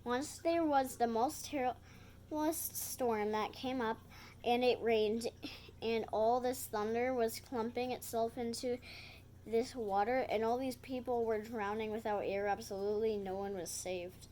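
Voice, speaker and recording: A woman's voice: on the high side, fairly even intonation, mellow, a little hiss or hum. A woman reading a children's picture book aloud, stumbling over words and correcting herself. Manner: halting reading with slips and self-corrections.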